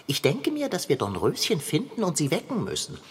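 A woman voicing a bossy know-it-all male cat in a children's radio play, with a husky voice and a theatrical, commanding manner. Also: low-pitched, wildly swooping pitch, fairly quick, in a large hall, heavily acted. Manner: bossy, theatrical, ordering about.

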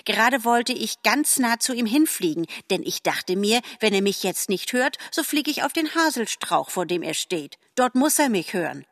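A woman's voice: fairly high pitch, expressive, fairly bright tone, dry recording, pitched above the performer's own voice. A woman voicing a chatty, self-justifying magpie in a storybook, in a dry close recording. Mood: gossipy. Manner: chatty, quick to excuse herself.

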